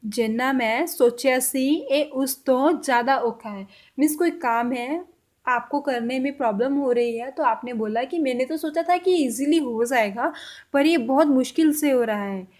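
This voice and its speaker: A woman teaching a spoken language lesson, repeating each example sentence slowly and carefully. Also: high voice, a little mellow.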